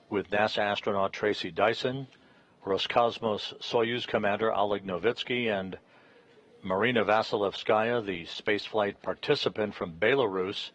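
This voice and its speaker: An American man with a fairly low voice gives live space mission commentary. He announces formally and in measured phrases, like a mission control communicator, pausing between details. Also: a bit bright.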